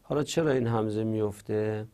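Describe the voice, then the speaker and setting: A man's voice: fairly low pitch, mellow, clear, resonant tone. A man giving a spoken grammar lesson, patiently repeating example words and explaining them step by step. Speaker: teacher.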